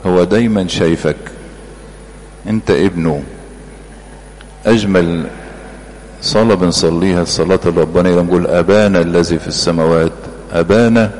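A man with an Egyptian Arabic accent delivers a sermon in a very low, darkish voice, earnest and forceful. He drives his points home by repeating short phrases, while long hall reverb and a faint hum fill the background.

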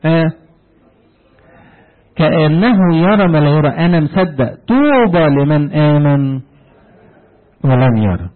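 A man with an Egyptian Arabic accent delivers a sermon and tells the story lively, pausing on questions for the listeners to complete. His voice sits a little high for a man. The recording is narrow and tinny, like a phone line. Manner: asks the congregation fill-in questions ending in "what?"; animated storytelling, retelling dialogue. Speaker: preacher.

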